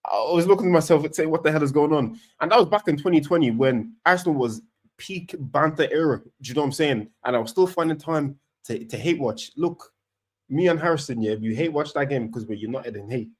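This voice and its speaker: A man co-hosting a casual football podcast, talking in an animated, rambling way with many restarts. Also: fairly high pitch, a little fast, breathy edge. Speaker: podcast co-host, Arsenal fan.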